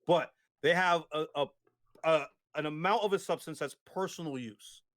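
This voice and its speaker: A man's voice: fairly high pitch, moderate pace. A man in a casual debate, explaining at length with many restarts and tag questions. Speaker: guest.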